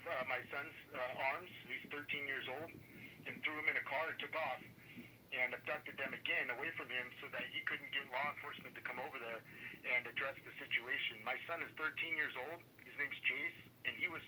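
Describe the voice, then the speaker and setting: A father leaving a voicemail, talking in a halting way with many uh and um fillers. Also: on the high side, sharp tone, a little hiss or hum, rough recording.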